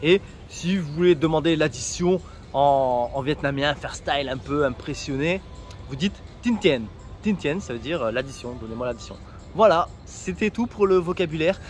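A man's voice: fairly high pitch, lively intonation, moderate pace, faint music behind. A man from France giving travel tips in a casual vlog, chatty and joking, speaking straight to viewers outdoors. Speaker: travel vlogger.

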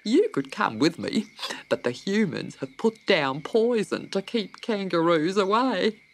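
A woman voicing a big, excitable emu who keeps breaking into giggles, with a high, exclaiming voice. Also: measured pace. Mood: giddy. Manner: laughing, giddy high exclaiming.

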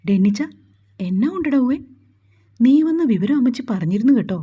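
A woman's voice: fairly high pitch, animated, fairly quick, warm tone, husky, muffled recording. A woman voicing a stern, protective young man, speaking curtly and bossily. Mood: gruff. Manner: curt, bossy.

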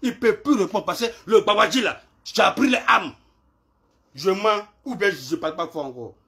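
A man rants in a live video, his voice high and bright. He taunts and repeats himself, jumping from shouts down to low mutters. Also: expressive, moderate pace. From Ivory Coast. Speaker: social media clasher.

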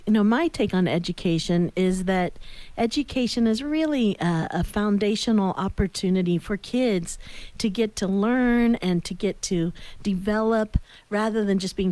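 A woman's voice: medium pitch, a little mellow, no echo. A middle-aged American woman hosting a conversational radio talk show, explaining things earnestly into a studio microphone. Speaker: talk radio host and educator. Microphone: studio boom microphone with headphones.

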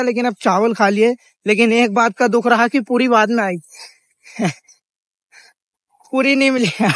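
A man's voice: very high-pitched, fairly bright tone, no echo. A young man chatting casually and upbeat as he vlogs his walking pilgrimage. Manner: chatty, jokey, upbeat, religious greetings. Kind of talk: casual vlog narration while walking.

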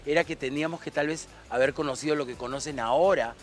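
A man's voice: fairly high pitch, quick pace, faint music behind. A man from Argentina in his fifties, a guest talking reflectively and rambling a little, recorded outdoors on a tennis court with a handheld mic. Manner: reflective, warm-hearted, rambling with restarts. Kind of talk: relaxed outdoor interview chat. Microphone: handheld microphone.

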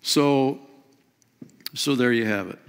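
A man's voice: medium pitch, slow, clean tone. A middle-aged man preaches from a lectern on a church stage, his voice sitting in an ordinary middle register. He speaks with energy and emphasis, often calling listeners "man" and "friend". His words trail off into a long church-hall reverb. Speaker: pastor. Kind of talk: sermon. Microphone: lectern mic.

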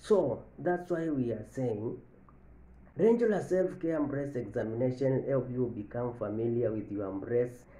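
A medical educator in his thirties gives a health education talk to camera from an indoor office with a large window. His voice is medium-pitched with a dark tone, and he slowly repeats each point while stressing the key lines. The room sounds echoey.

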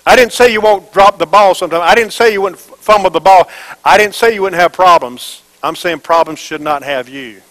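Pastor, male, high-pitched, preaching call-and-response style, repetitive and emphatic, questions the congregation. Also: fairly quick, a bit bright, low-quality recording. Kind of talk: sermon. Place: church before a congregation.

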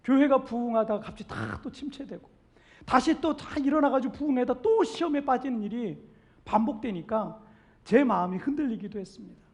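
Very high-voiced Korean pastor preaching. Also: male voice, expressive, fairly quick. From South Korea. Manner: emphatic, swells louder on questions and pleas, then drops soft; acts out what doubters say. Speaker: senior pastor. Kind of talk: Sunday sermon.

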